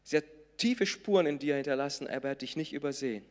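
A man from southern Brazil, preaching a sermon, swinging between loud emphatic peaks and soft intimate lines. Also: a little high, fast. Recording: long reverb of a large hall.

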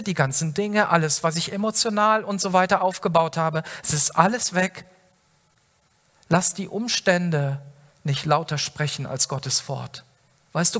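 A man's voice: high voice, a bit bright. A male pastor giving a sermon, speaking earnestly and directly to the listener with many rhetorical questions. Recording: long hall reverb.

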